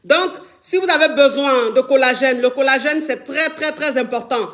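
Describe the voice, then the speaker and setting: A woman's voice: high-pitched, normal speed, a bit bright. A woman hosting a casual live stream from a phone in Dubai, chatting and repeating herself as she promotes a product and fields calls. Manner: chatty, repeats herself, addresses viewers affectionately.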